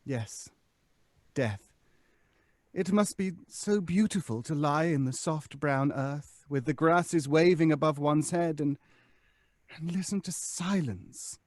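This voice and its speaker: An actor playing a haughty, weary centuries-old ghost in an old-time radio drama, with pompous, theatrical phrasing. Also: male voice, a little high, takes it slowly, darkish tone, dry recording, studio quality. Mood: weary, mournful. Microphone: close studio microphone.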